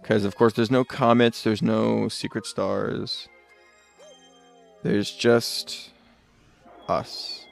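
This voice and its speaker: Soft music plays behind a man casually chatting through a live video game stream, rambling with muttered asides and self-corrections. His voice is low-ish, creaky and fairly monotone, with a slow pace.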